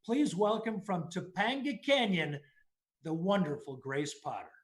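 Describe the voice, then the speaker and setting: A man's voice: sits high, big pitch swings, a little slow. A man working as a radio host, making upbeat donation appeals during a benefit broadcast. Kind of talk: broadcast fundraiser hosting.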